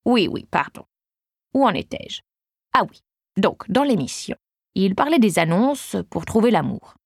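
A woman's voice: medium pitch, sing-song, measured pace, no echo, clean studio sound. A woman voicing a chatty sweet old lady. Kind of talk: audiobook reading.

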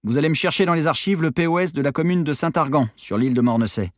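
A man's voice: on the high side, quick pace, no echo, clean studio sound, lightly acted. A man voicing an impatient, insistent male police commissioner in an audiobook reading. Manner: insistent, commanding.

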